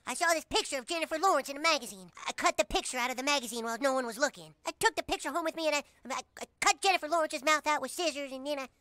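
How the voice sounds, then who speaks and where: A man's voice: extremely high pitch, racing, hardly any pauses, sharp tone, no echo, studio quality. A man voicing a naive, timid cartoon boy who talks earnestly and stammers. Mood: anxious. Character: naive sweet timid boy, eager to please. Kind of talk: cartoon voice acting.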